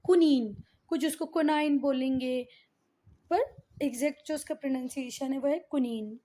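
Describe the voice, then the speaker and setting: A woman's voice: high voice, fairly even intonation, normal speed, warm tone. A woman teacher giving a geography lesson, mixing in English terms, repeating key words and quizzing her pupils affectionately. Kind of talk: classroom geography lesson, Hindi mixed with English.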